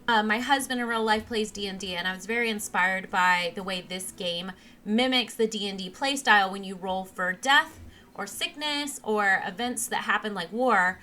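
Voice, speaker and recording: A young woman with a naturally monotone, mid-range voice hosts a let's play, casually narrating her gameplay in a rambling way full of ums and restarts. She records at her home computer setup on a desk mic that replaced a broken headset.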